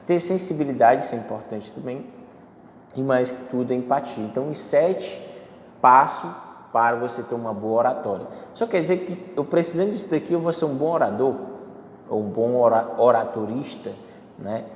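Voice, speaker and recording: A man's voice: medium pitch, expressive, normal speed, a little hiss or hum. A man teaching a lesson on public speaking, explaining step by step with frequent fillers and self-corrections. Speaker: instructor. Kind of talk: spoken lecture on public speaking. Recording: echoey hall, faint ambience.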